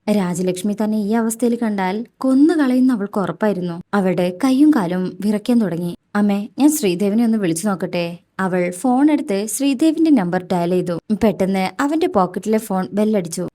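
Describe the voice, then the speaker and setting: A woman's voice: medium pitch, dark tone. A woman narrating a romance story, reading every character's lines in her own voice.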